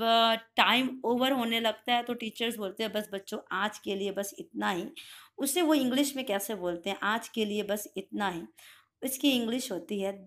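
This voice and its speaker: A woman teacher giving a spoken English lesson to children, repeating each classroom phrase slowly and checking whether it is clear. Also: a little high, a bit bright. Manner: slow, drilled repetition of English phrases with frequent "clear?" checks.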